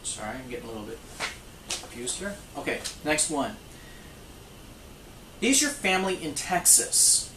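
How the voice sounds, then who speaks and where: A language teacher giving a recorded lesson, saying phrases slowly and repeating them for practice, and often stopping to correct themself. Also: medium pitch, big pitch swings, echoey room, distant mic, background noise.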